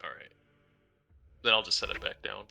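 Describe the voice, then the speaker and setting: Bright-toned young man playing. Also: fairly low pitch, fairly even intonation, moderate pace, gravelly. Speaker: player. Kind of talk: casual tabletop play.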